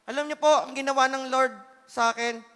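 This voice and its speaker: A man gives an emotional church testimony in a very high, bright and forceful voice. He is earnest, shifting between loud pleading and quiet asides. The sound carries a long reverb, as in a church hall. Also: fairly even intonation, a little fast, clean tone. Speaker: church speaker giving testimony.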